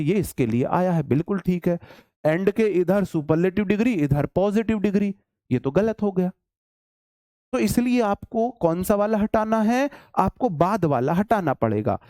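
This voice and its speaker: A young male teacher explains grammar for exam students with a high, swooping voice. His tone is mellow and dry, and he repeats each point for emphasis, addressing his listeners as brother. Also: no room sound. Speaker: English teacher. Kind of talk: exam-prep grammar lesson.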